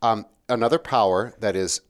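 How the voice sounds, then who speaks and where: A man's voice: fairly low pitch, moderate pace. A man in a casual history chat, rambling and checking in with his partner as he goes.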